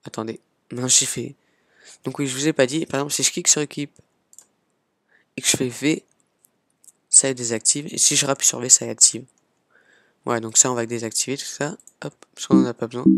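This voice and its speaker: A man casually hosting a software tutorial, chatting along as he clicks and filling pauses with little "hop" and "voilà" sounds. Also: mid-range voice, steady tone, vocal fry, no echo, clean studio sound. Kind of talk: casual screen-recorded tutorial.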